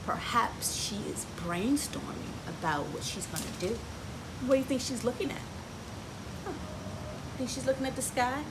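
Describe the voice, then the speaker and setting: Her voice fairly high, a middle-aged woman gives an expressive, swooping reading of a picture book for children, adding asides and often asking her audience questions. She's recording on an outdoor porch with noticeable background noise.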